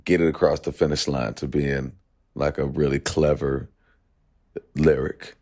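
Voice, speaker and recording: A man with a very deep, mellow voice speaks as a guest musician in an interview. He talks in a loose, reflective way and keeps saying "you know" as he thinks aloud. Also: little pitch movement, unhurried. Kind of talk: casual interview talk.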